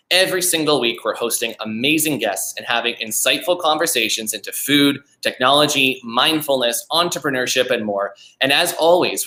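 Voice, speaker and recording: A man's voice: medium pitch, pushed and bright. A man hosting an interview podcast, upbeat, often repeating words as he frames his questions. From Canada. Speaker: podcast host.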